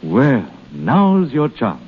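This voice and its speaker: An actor playing a brisk, urgent, smooth-scheming male swindler in a 1930s radio drama. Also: medium pitch, wildly swooping pitch, full character voice. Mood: insistent, coaxing. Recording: tinny, noisy 1930s radio recording.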